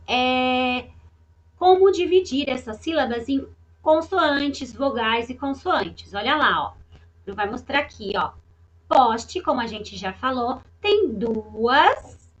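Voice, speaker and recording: High, bright-voiced woman teaching slowly. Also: low-quality recording. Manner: patient, repeats words and checks understanding. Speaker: primary school teacher. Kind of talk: online class lesson for young children.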